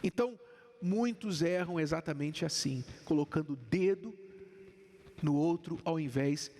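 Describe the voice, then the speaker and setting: A man's voice: a little high, a little slow, a little mellow, a little hiss or hum. A man giving a church-style talk about relationships, explaining with a live demonstration. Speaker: speaker at a couples' talk. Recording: long hall reverb.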